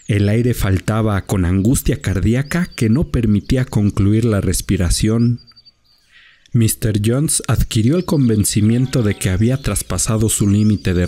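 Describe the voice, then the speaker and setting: A man reading a literary short story aloud as a measured audiobook narrator. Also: on the low side, dark tone.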